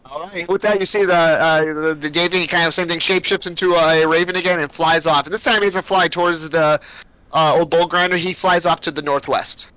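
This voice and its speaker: A man's voice: on the high side, steady tone, brisk, pushed and bright, clean tone, poor audio. A man narrating as game master of a tabletop game, rambling loosely with plenty of fillers.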